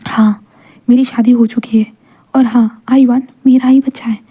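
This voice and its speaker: A woman voicing a calm, reserved young man of few words, in a quiet, low-key delivery. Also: normal speed, slightly rough.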